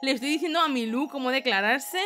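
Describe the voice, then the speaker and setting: A young woman giving animated, excited let's-play commentary, often exclaiming and laughing. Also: high voice, fast, slight background noise. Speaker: gaming YouTuber.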